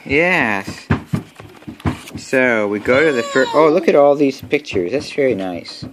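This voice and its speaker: A man reading a picture book aloud to young children at home, gentle and chatty. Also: mid-range voice, expressive, a little slow, background noise. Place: home room.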